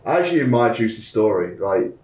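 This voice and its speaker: A man's voice: fairly low pitch, brisk. Chatty Essex man in an echoey room. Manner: chatty, laughs often, lively storytelling. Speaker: professional wrestler, podcast guest. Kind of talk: casual podcast chat.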